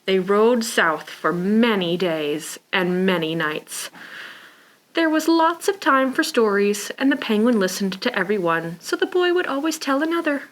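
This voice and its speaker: A woman with a mid-range voice reads aloud at a measured pace during preschool storytime, serving as the children's librarian presenter. She's expressive and simple, sprinkling in sighs, gasps and exclamations for the young audience. Poor audio.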